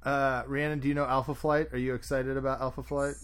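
A man's voice: medium pitch, little pitch movement, fast talker, a bit bright. A man hosting a podcast, chatting casually and opinionatedly about comics news. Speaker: podcast host. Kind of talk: casual chat.

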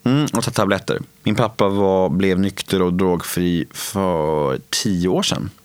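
A man in his late twenties, speaking candidly in an interview, halting with many fillers and restarts. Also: low voice, no room sound.

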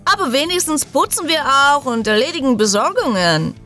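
A woman's voice: high-pitched, animated, moderate pace, pushed and bright, soft background music, pitched above the performer's own voice. A woman voicing Gilroy, a cheerful, playful young superhero man in an audiobook. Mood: teasing.

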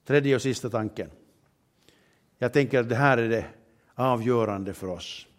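Earnest man preaching a sermon. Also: medium pitch. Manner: earnest, rhetorical questions, reads scripture with emphasis.

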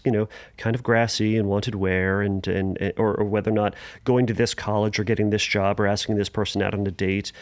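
A man hosting a solo podcast, talking casually with restarts and fillers and sudden lively jumps in pitch. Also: dry recording. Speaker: podcast host.

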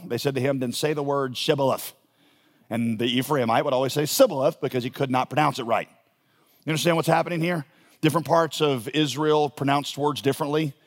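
A man preaching a sermon as a pastor, emphatic, rising for stress and dropping low for quiet asides. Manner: emphatic preaching with sudden rises and soft drops. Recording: long reverb of a large hall.

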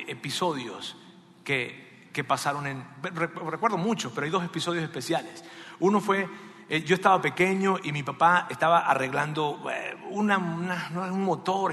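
Passionate preacher, bright voice. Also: male voice, fairly high pitch. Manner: passionate, dramatic swings in loudness. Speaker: pastor. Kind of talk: sermon. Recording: echoey hall.

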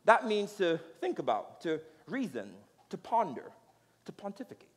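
High-voiced man preaching in a hall. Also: moderate pace. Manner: energetic, conversational preaching with laughs and audience asides. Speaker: pastor. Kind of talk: sermon.

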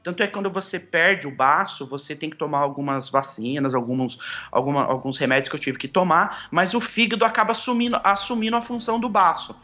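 A young man, telling his story as a guest in an animated, casual way, acting out quoted dialogue. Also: fairly high pitch, brisk. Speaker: podcast guest.

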